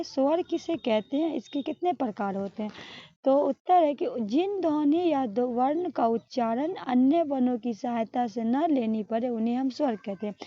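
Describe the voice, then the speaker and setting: A woman's voice: fairly high pitch, mellow. A woman teaching an exam-prep grammar lesson, explaining step by step, asking questions and answering them herself. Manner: ends points with a checking "all right?". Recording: dull, lo-fi sound.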